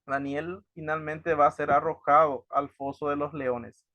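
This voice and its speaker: A man's voice: on the high side, flat delivery, measured pace, sharp tone, no room sound. A man teaching from the Bible, reading verses aloud and then explaining them, often asking his listeners for agreement. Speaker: preacher.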